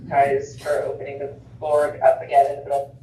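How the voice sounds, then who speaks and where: A woman's voice: very deep voice, monotone, brisk, warm tone. A woman's voice arrives over a choppy video call that keeps breaking up, so her words come through in broken fragments. She sounds far off in a roomy, echoing space. A hiss sits under her voice. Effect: choppy video call audio breaking up. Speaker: board member joining remotely. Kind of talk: meeting discussion.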